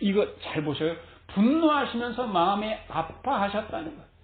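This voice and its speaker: A man's voice: high voice, big pitch swings, normal speed, a little hiss or hum. A male pastor preaching a sermon, telling stories animatedly and laughing often. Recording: tinny phone-like recording.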